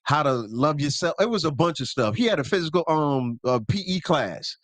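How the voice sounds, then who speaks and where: A man's voice: a little high, lively intonation, normal speed, a bit bright, no echo. A man co-hosting a podcast in casual chat, laid-back and loose with slang, stopping to correct himself. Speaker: podcast co-host.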